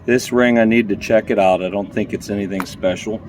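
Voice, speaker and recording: A man, vlogging casually as he metal detects in a public park, excitable and chatty as he calls out his finds. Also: on the low side, brisk, noisy background. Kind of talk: casual vlog narration while detecting.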